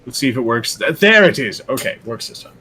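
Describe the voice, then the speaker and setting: A man's voice: mid-range voice, sing-song, fast talker, pushed and bright, husky. Wry man playing a tabletop game. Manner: wry, swears freely. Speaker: player. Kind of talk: casual tabletop game chat.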